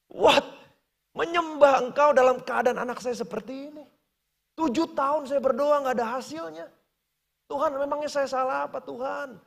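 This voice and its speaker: A man's voice: high-pitched, rapid-fire, hardly any pauses, fairly bright tone. A male pastor voicing a grieving father who pleads and complains to God during a sermon. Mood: angry.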